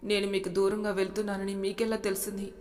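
A woman voicing a feisty, quick-tempered young woman who argues back indignantly. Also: medium pitch, monotone, darkish tone, close to an everyday voice. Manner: indignant, pleading. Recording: long reverb.

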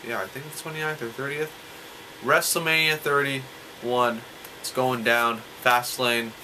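Young male vlogger, bright voice, rambling animated analysis. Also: mid-range voice, unhurried, slight background noise, low-quality recording. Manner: rambling, animated, rhetorical questions. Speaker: wrestling vlogger. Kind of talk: casual wrestling analysis.

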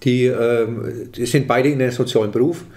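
Speaking into a table microphone in a small office, an older Franconian-accented man appears as a comedian guest in a relaxed interview chat. His mid-range voice is a little mellow with fairly even intonation and normal speed, and he gestures and restarts a lot while chatting.

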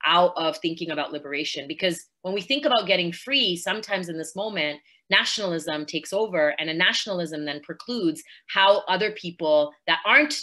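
A woman's voice: fairly low pitch, animated, fairly quick, sharp tone. A woman speaking earnestly and fluently as a panelist in an online discussion, talking from home over a video call. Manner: earnest, fluent activist talk with fillers. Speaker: panelist, podcast host.

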